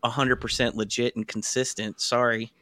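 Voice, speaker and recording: Wry, joking comedian dad on a podcast. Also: male voice, mid-range voice, flat delivery, normal speed, pushed and bright, no echo, clean studio sound. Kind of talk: casual chat.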